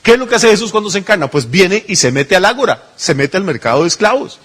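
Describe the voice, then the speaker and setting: A male pastor delivers a sermon, in a voice pitched a little high with a husky edge. He talks to the congregation as if chatting, asking rhetorical questions and briefly acting out the people in his examples. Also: sing-song, fast talker, fairly bright tone. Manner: conversational preaching with rhetorical questions and acted-out asides.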